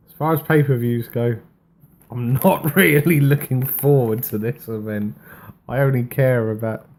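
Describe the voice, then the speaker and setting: A man's voice: medium pitch, measured pace, gravelly, a little mellow. A man co-hosting a wrestling podcast in casual chat, sounding unenthusiastic and dismissive. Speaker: podcast co-host.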